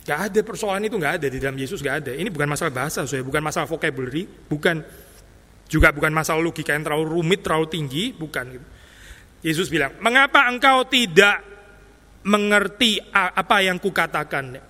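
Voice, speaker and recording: A man's voice: on the high side, rapid-fire, a bit bright, breathy edge. A male preacher giving an expository sermon in a conversational way, often addressing listeners directly and slipping in English phrases. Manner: conversational, mixes English phrases, repeats "saudara". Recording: long reverb of a hall.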